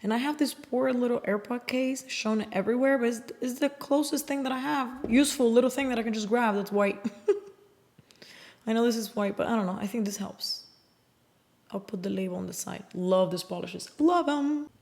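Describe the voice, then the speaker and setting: Close to the mic, a woman chats casually while swatching and comparing nail polishes, swearing now and then and sometimes dropping to a whisper. Her voice is on the high side and a little mellow, at a moderate pace.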